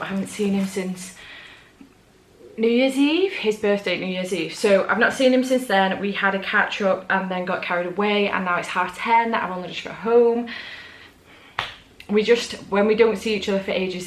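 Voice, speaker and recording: A woman's voice: medium pitch, slight background noise. A British woman chatting casually to camera as a book vlogger, rambling along with self-aware asides.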